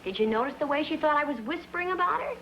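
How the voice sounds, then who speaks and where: An actress playing a melodramatic, self-admiring young college student who talks in theatrical, exaggerated alarm, in 1950s sitcom style. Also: female voice, high-pitched, expressive, rapid-fire, a bit bright, a little hiss or hum, poor audio. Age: young adult. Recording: old TV soundtrack, studio audience laughter.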